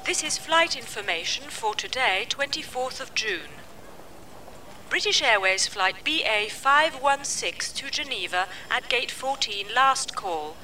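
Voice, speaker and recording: A woman reading a scripted airport flight announcement in a formal, measured way, repeating each notice. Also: fairly high pitch, animated, sharp tone. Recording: distant mic with faint background noise.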